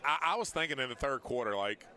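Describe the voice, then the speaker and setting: A man from Georgia gives live sports commentary outdoors in a colloquial, animated storytelling way. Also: mid-range voice, fast talker. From Wrightsville, Georgia, USA. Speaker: former football player, guest analyst. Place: outdoors at a parade.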